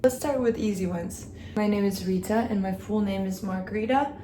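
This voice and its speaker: A beauty vlogger from Kazakhstan chats openly while doing a hair tutorial at home in Hong Kong. Her voice is mellow and medium-pitched, and she talks fairly quickly. The echoey room carries faint ambience and slight background noise.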